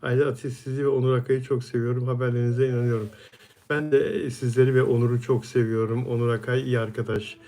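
A man's voice: medium pitch, little pitch movement, quick pace, mellow. Chatty man reading live comments. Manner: friendly, chatty, answers viewers by name. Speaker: live stream host. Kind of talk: casual live chat, reading viewer comments aloud.

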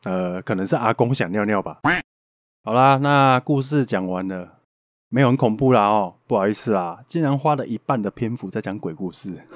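A man's voice: fairly low pitch, dry recording, studio quality. A man with a Taiwanese Mandarin accent, hosting a podcast and telling a ghost story in a playful, joking way with mild swearing. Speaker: podcast host. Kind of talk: casual storytelling.

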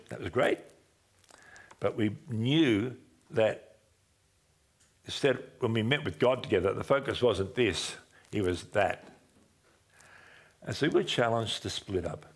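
A man in his sixties, a pastor, seated on a dim church stage with a headset mic, telling a personal story in a conversational sermon and often dropping his voice low for emphasis. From Australia. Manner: conversational, animated gestures, drops low for emphasis.

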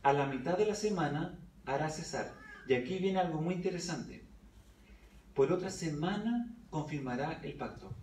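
A man's voice: on the high side, expressive, moderate pace, darkish tone, a little hiss or hum. A man preaching a Bible study sermon in church, reading scripture aloud and questioning the congregation. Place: church hall. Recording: echoey church recording from a distance.

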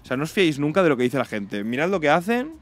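Very animated and fast, a young Spanish-accented man from Spain reacts to a video on stream. He's blunt and slangy, swears freely, and mocks people by putting on shrill voices.

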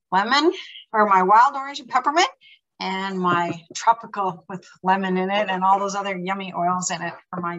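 Older woman, relaxed, easygoing, chatting over a webcam at home. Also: fairly low pitch, background noise. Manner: relaxed, easygoing, laughs lightly. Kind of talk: casual video call chat. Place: home kitchen, indoors. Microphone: laptop webcam, video call.

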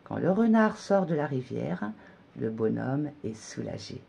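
A woman reading a children's story aloud, slow and animated. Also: vocal fry, husky. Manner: slow, animated storytelling with wide pitch swings.

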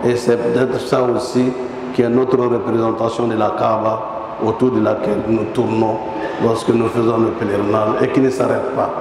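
A middle-aged man with a West African French accent giving a Friday sermon at a mosque pulpit, slow and measured, stretching his phrases and weaving in Arabic formulas. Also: on the low side, flat delivery, noisy background. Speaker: imam. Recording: echoey mosque hall with long reverb.

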